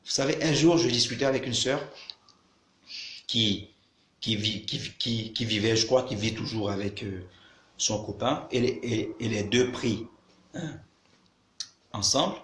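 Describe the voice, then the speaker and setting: A man's voice: lowish voice, a little slow, long pauses, fairly bright tone. Emphatic male preacher in an echoey room. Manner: emphatic, repeats phrases, addresses listeners directly. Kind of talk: sermon to a video audience.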